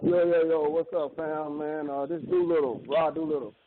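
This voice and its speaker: A male caller on a speakerphone whose voice echoes like it comes from a tunnel, talking in a rambling, halting way and repeating words. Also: on the high side, flat delivery, a loud crowd. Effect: echoing tunnel sound on speakerphone. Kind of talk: call-in show chat. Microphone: phone on speaker. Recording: tinny echoey phone line, faint noise.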